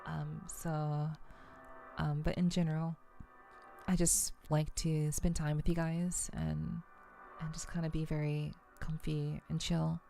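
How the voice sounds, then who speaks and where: A VTuber hosts a cozy, casual ASMR livestream, speaking to her viewers directly in a low, soothing voice full of vocal fry. Her delivery is relaxed, unhurried and halting, with faint music in the background.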